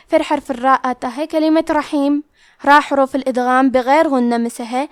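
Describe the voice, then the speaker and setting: A woman's voice: high voice, no echo, studio quality. A woman teaching Quran recitation rules, explaining pronunciation patiently and step by step.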